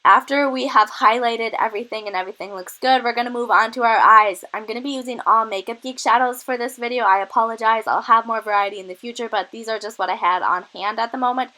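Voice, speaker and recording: Young woman, bright voice, out of breath from a cold, chatty makeup tutorial, enthusiastic tips. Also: on the high side, fast, few pauses, low-quality recording. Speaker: beauty vlogger.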